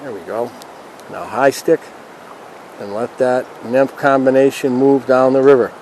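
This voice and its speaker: Fishing outdoors in a river, the vlog host keeps up casual, down-home chatter for his viewers. His voice sits at medium pitch, a little slow and somewhat mellow, with fairly even intonation. Audio is poor, though the river and background noise come through clearly.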